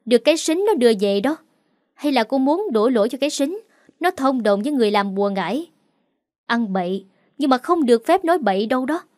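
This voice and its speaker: A woman voicing a proud first wife of a wealthy house, speaking quickly and sarcastically in a storybook reading. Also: on the high side, a little mellow, dry recording, studio quality.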